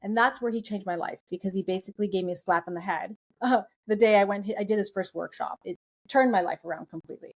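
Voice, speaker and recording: A woman's voice: medium pitch, fast talker. A woman guest on a podcast interview, earnestly telling a personal story and piling up phrases in emphatic lists. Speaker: guest nutritionist.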